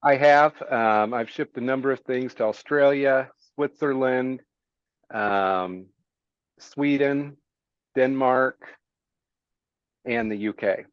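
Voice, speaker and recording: A man being interviewed as a guest, talking in an easygoing, plain-spoken way with many pauses. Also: mid-range voice, clean tone, no room sound, lo-fi sound. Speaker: guest, small business owner. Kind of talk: casual interview chat.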